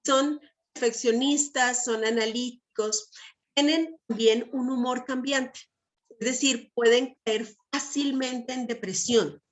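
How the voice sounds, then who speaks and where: A middle-aged woman giving a Bible teaching talk, emphatic and lively, constantly checking in with listeners through tag questions. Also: fairly high pitch, takes it slowly.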